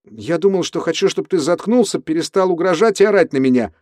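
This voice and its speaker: A man's voice: on the high side, expressive, brisk, darkish tone, dry recording, clean studio sound, pitched above the performer's own voice, natural voice. A man voicing a frightened male prisoner who pleads and snaps at his cellmate in an audiobook. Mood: agitated. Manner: tense, pleading. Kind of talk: audiobook character voice.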